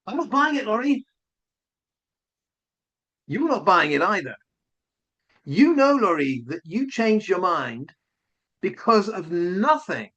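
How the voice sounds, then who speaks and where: A man's voice: high-pitched, fairly bright tone, muffled recording. A man giving a combative, sarcastic opinion commentary as the host of his channel. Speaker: online commentator.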